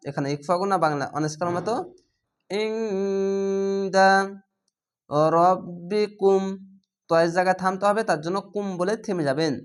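A man teaching Quran reading, explaining each rule and then chanting the words slowly and drawn out. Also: high voice. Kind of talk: spelled-out recitation lesson.

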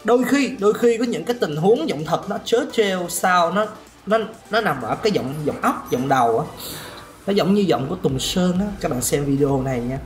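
A man teaching singing in a lively question-and-answer lesson, often chuckling and demonstrating voices. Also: high voice, moderate pace. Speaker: vocal coach. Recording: roomy room with faint music.

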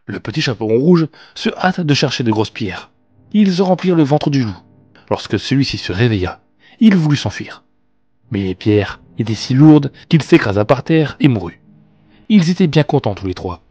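A man reading classic fairy tales aloud as a storyteller, with expressive, animated narration. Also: medium pitch, normal speed, slightly rough, highs cut off. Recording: long reverb, faint background music.

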